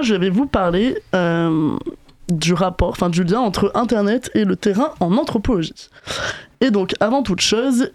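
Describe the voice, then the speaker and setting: A young woman with a voice affected by a sore throat, presenting a scripted podcast segment in a lively, tongue-in-cheek way. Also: mid-range voice, no room sound.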